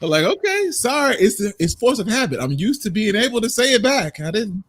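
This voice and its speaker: A man's voice: high-pitched, expressive, a little fast, slightly rough, no room sound. A man co-hosting a casual podcast chat, talking emphatically and joking with frequent laughs. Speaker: podcast co-host.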